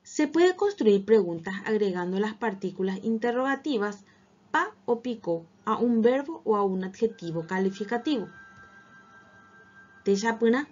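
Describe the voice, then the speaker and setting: A woman teacher narrating a scripted language lesson, reading slowly and articulating each word with care. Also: mid-range voice. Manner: slow, careful, clearly articulated reading. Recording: dull lo-fi recording. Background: faint background music.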